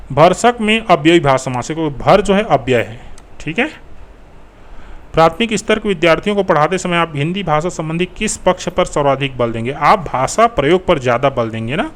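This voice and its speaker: A male teacher walking through exam answers in a conversational, think-aloud way. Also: on the high side.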